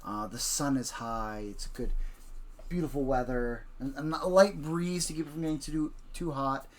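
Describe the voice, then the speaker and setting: During a casual streamed storytelling session, a woman host sets the scene and questions a child about his ideas. Her voice is rumbling low and steady, at a normal speed.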